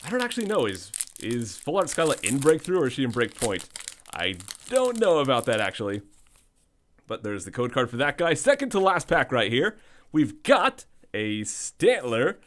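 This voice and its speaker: A man's voice: mid-range voice, wildly swooping pitch, moderate pace, slight background noise. A man with a thin, weak voice giving casual unboxing commentary as the host of a video. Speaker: host of card pack opening videos.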